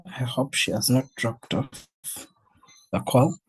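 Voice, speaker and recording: A man moderating an online panel, hesitant and leaning on fillers between phrases. His voice is husky and rough-edged. He talks slowly, at a mid pitch. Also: steady tone, a little mellow, rough recording.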